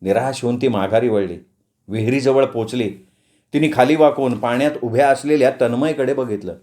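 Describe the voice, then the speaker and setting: A man narrating a story in an expressive, dramatic storytelling manner. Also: mid-range voice, normal speed.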